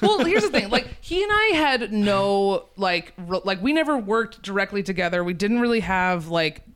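Brief: loud, animated woman, casual podcast storyteller, laughs often, expressive pitch. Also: normal speed, slight background noise. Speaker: podcast guest. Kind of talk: casual comedic chat.

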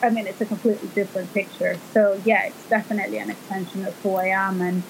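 Thoughtful Salvadoran-born woman, faint rumble. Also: flat delivery, fast talker, creaky, low-quality recording. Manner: thoughtful, hesitant, many fillers. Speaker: fashion and textile designer, guest. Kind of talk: casual interview talk.

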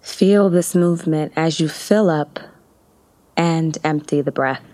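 A woman leading a guided body-relaxation meditation, speaking in soft, soothing instructions with long pauses. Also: sits low, dry recording, rough recording.

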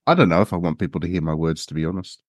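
A man bantering casually on a podcast in a deadpan, self-deprecating way. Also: deep voice, rapid-fire, dry recording, studio quality. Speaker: podcast panellist.

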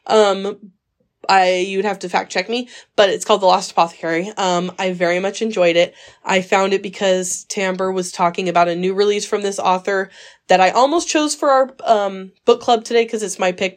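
A woman co-hosting a casual book club podcast, talking earnestly and emphatically with frequent fillers and restarts, recorded on a phone. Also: mid-range voice. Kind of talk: casual chat.

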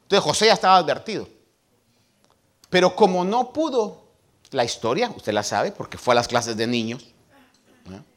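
Joking preacher guy telling a bible story, keeps asking right?, fairly high voice, swoops around. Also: animated, moderate pace, pauses often, fairly bright tone. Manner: folksy and humorous, with frequent tag questions; slips English words into his Spanish. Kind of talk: sermon retelling a scripture story.

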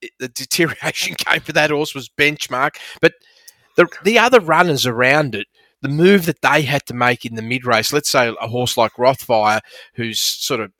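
A man with an Australian accent talks through racing figures as an analyst. His tone is bright and punchy, his manner friendly and rambling, and the sound is very dry. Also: medium pitch, moderate pace, no echo. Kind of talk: conversational sports analysis.

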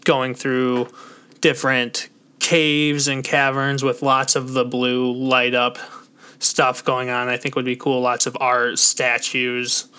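A young man chatting casually on a podcast, rambling loosely and filling pauses with "like". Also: medium pitch, clear, resonant tone. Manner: relaxed, rambling with many "like" fillers. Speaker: podcast host.

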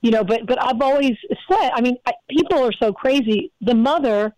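A woman's voice: on the high side, a little fast, darkish tone, dry recording, dull audio. Radio host woman, middle-aged, blunt and rambling, dry close sound. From United States. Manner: blunt, rambling, frequent fillers. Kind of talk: casual opinion chat.

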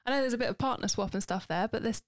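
A woman's voice: a little high, very fast, no echo, studio quality. A woman co-hosting a podcast, explaining things in a matter-of-fact way and laughing easily. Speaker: podcast co-host. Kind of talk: casual chat.

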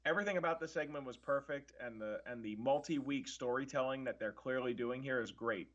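A man's voice: medium pitch, a little fast, a bit bright. Man thinking aloud on a dull-sounding mic. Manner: thinks aloud with many restarts, earnest and analytical. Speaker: podcast co-host. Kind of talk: casual wrestling review chat.

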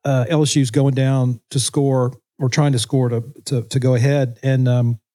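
A man's voice: medium pitch, flat delivery, normal speed, mellow. A man co-hosting a casual podcast, rambling loosely with hesitations. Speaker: podcast co-host, musician.

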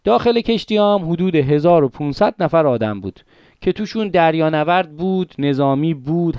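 A podcast host narrates a history story in a dramatic, conversational way, breaking off for asides to his listeners. His voice is fairly high-pitched and a little mellow, with a clean tone on a dry recording.

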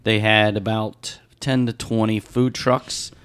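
A man's voice: lowish voice, flat delivery, slow, a bit bright, clean tone. A man co-hosting a podcast, chatting casually and telling a long story full of details. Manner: rambling storyteller, piles on details. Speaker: podcast co-host. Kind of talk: casual chat.

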